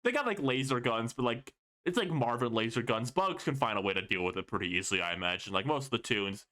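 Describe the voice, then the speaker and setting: A man's voice: mid-range voice, lively intonation, fast talker, sharp tone. A man co-hosting a podcast in casual chat, opinionated, dry and blunt in his takes. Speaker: podcast co-host.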